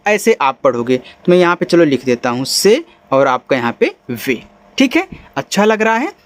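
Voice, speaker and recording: A man's voice: high voice, no room sound. A man teaching English spelling and pronunciation step by step to beginners, often checking if the students follow. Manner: explains step by step, asks students if they follow. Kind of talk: whiteboard phonics lesson in Hindi.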